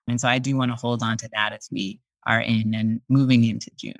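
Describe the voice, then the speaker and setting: A man speaking as a guest in a casual interview, thoughtful and unhurried, hedging often with "sort of" and "like". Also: medium pitch, level tone, creaky, rough recording. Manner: thoughtful, unhurried, many hedges.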